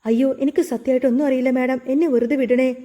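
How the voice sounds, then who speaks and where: A woman's voice: sits high, steady tone, fast talker, mellow. A woman voicing a frightened young shop worker who pleads near tears. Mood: pleading.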